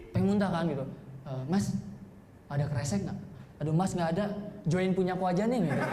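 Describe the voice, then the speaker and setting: A man's voice: fairly high pitch, heavy background noise. A young man from Bali doing a stand-up comedy set, telling stories and acting out the voices of people in them. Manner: storytelling, acting out quoted voices. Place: comedy stage indoors. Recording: roomy stage echo.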